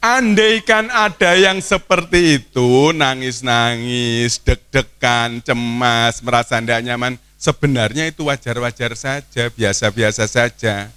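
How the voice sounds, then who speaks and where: A man's voice: medium pitch, measured pace, bright, forceful tone, clean tone, no room sound. A man teacher, giving a playful, coaxing speech to children at a boarding school opening and asking them questions. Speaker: teacher addressing students.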